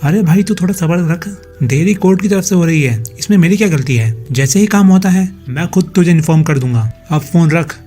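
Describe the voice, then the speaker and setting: A man plays a greedy young schemer in a spoken horror story, quick and impatient, his voice a touch raised and darkly toned. He stumbles over words when cornered, with faint music behind. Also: fairly high pitch, expressive, mellow. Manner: impatient, then panicked stammering.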